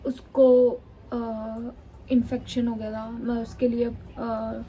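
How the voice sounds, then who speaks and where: A woman's voice: fairly high pitch, little pitch movement, slow, warm tone, slight background noise, low-quality recording. A woman vlogger from Chandigarh, India, retelling a run-in in an indignant, emphatic storytime style. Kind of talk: storytime vlog.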